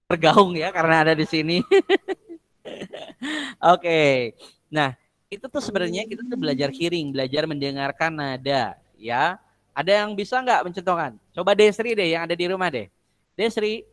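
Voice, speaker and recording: A man's voice: fairly high pitch, lively intonation, moderate pace, fairly bright tone. A man teaching an online music class, quizzing students with jokes and singing solfège drills. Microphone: video call.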